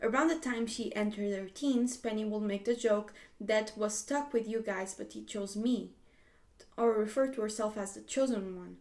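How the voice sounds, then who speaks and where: This YouTube host reacts to posts, reading them aloud in a casual chat full of "like" and frequent laughter. She speaks at an ordinary pace with a medium-pitched, somewhat mellow voice.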